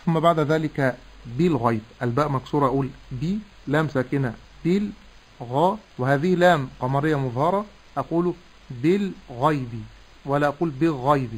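A man teaching Quran recitation, slowly sounding out each syllable to demonstrate correct pronunciation. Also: on the high side, rough recording. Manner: slow, deliberate syllable-by-syllable demonstration. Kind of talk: tajweed lesson.

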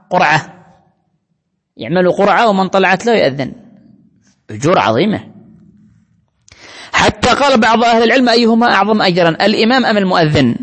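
Guy with a high voice teaching religion, explains things step by step, long echo around him. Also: fairly bright tone. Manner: explanatory, teacherly, quotes scripture often. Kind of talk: religious lesson. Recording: long hall reverb.

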